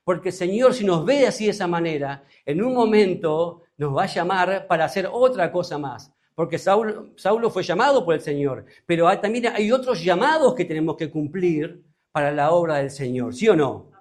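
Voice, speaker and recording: A male pastor with a Uruguayan accent preaching a sermon, reading scripture slowly and asking the congregation rhetorical questions. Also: sits high, expressive. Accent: Uruguayan Spanish. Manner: reads scripture aloud slowly.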